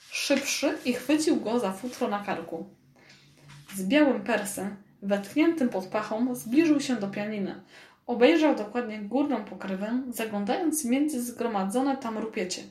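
A woman narrating a children's storybook in a lively, expressive reading, recorded with a roomy echo. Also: on the high side. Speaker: audiobook narrator.

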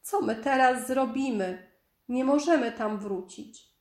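A woman's voice: high voice, takes it slowly, a little mellow, voice pushed up. Woman voicing a brave little girl. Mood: despairing. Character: brave gentle young girl. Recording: echoey room.

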